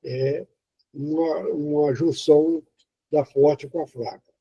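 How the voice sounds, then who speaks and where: Slow, halting Brazilian man teaching. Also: fairly high pitch, steady tone, warm tone, husky. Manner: halting, many fillers and restarts, explanatory. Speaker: poetry teacher. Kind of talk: informal spoken lesson. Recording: dull lo-fi recording.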